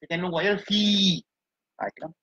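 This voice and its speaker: A woman's voice: mid-range voice, very animated, fairly bright tone, slightly rough. Woman teaching Quran reading, lo-fi sound. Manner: explains letters step by step, chants verses slowly. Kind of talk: live class explanation.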